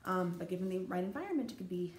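A young college anthropology instructor rattles through a casual, rambling lecture over slides, animated and rapid-fire in a fairly low voice, with plenty of fillers and restarts. The room echoes, and faint background noise is present.

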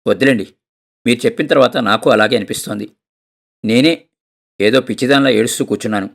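Tearful kind wife in a story, gravelly soft pleading, a man putting her on. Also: mid-range voice, fast. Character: gentle, tearful middle-aged wife, soft-hearted.

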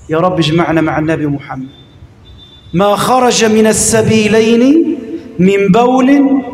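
Egyptian sheikh, high-pitched and lively, preaching in a reverberant hall. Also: male voice. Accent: Egyptian Arabic. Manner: lively, shifts between slow recitation and rapid colloquial asides, calls on the audience. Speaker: sheikh teaching Islamic jurisprudence. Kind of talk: Egyptian colloquial lesson-sermon. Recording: echoey hall with long reverb.

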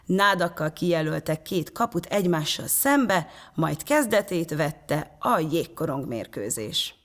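A woman storyteller from a theatre reading a children's story in a calm, measured way, from a prompter's box. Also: sits low.

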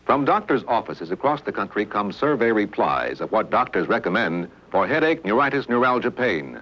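A man narrating a scripted vintage commercial as announcer, in emphatic, deliberate, punchy phrases. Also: lowish voice, big pitch swings, breathy edge. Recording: dull old television commercial audio.

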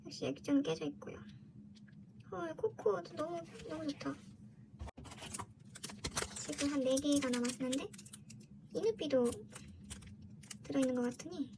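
High-pitched girlish woman, casual unboxing vlogger. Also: a little slow, long pauses. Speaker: vlogger opening collectible merchandise. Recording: clearly noisy background.

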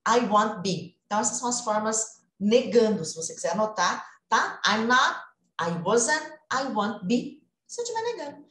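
A woman teacher talks her way through an informal online lesson, with a lively, chatty manner and a voice a little higher than most. She moves easily between explanations and spoken examples. The room gives her voice a noticeable echo. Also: normal speed. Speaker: English teacher.

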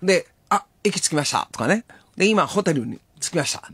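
A woman's voice: on the low side, animated, a little fast, a bit bright, husky, no room sound. A woman radio host telling a story casually, acting out the quotes and laughing often.

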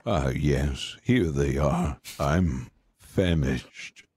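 A man playing a creepy, starving Wild West mortician in game roleplay, with a deadpan, deliberate, formal delivery and a husky voice. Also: no room sound, exaggerated voice. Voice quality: very deep, husky. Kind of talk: improvised game roleplay in character.

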